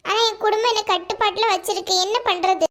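Poomari, a squeaky timid village wife, voiced by a woman. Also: steady tone, fast, a bit bright. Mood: pleading. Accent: Kanyakumari Tamil. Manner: meek, pleading, anxious. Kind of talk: cartoon voice acting.

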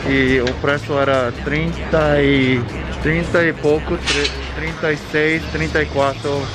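Foreign male vlogger, halting learner's Portuguese, talking through a face mask, loud music behind. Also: fairly high pitch, flat delivery. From foreign, not Brazilian. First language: not Portuguese. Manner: simple, halting Portuguese with slips. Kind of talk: casual food vlog chat.

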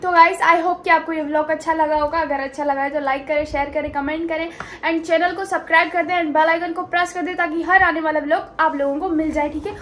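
A woman's voice: high voice, fairly even intonation, fast, hardly any pauses, a bit bright, a little hiss or hum, low-quality recording. A woman hosting a casual vlog, chatting to viewers and often asking if they follow. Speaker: vlog host.

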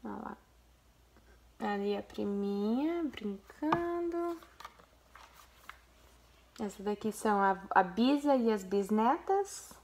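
A woman's voice: medium pitch, lively intonation, slow, gravelly, pauses often, a little mellow, a little hiss or hum. A young Brazilian woman vlogging casually, gushing as she shows viewers a photo album and talks to them directly. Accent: Brazilian Portuguese. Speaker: vlogger, mother.

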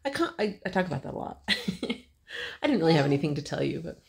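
A woman in her fifties chatting to a phone camera at home while babysitting, doting and quick to laugh. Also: low voice, sing-song, gravelly, a little mellow. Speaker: grandmother vlogger. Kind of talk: casual chat to camera.

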